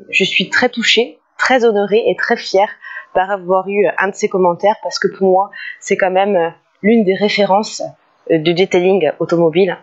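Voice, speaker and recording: A woman talking casually to camera in a car detailing vlog, hesitant, with many fillers and restarts, often laughing. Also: medium pitch. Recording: dull lo-fi recording.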